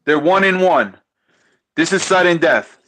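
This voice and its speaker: A man calling a diecast car race live with an excited play-by-play, repeating his calls, stumbling over names and losing his voice. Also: a little high, unhurried, a little hiss or hum. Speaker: race commentator.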